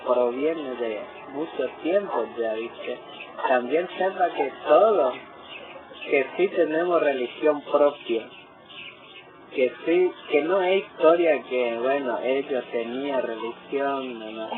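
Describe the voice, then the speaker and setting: Un hombre de habla mbyá guaraní que traduce al castellano a un ritmo muy lento, entrecortado y lleno de "por ejemplo". Su voz llega fina y estrecha, como por línea telefónica, con música de fondo bien audible. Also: male voice, medium pitch. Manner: halting, repeats "for example" often. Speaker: community leader and interpreter. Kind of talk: explaining and translating in conversation. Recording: tinny phone-like sound with music behind.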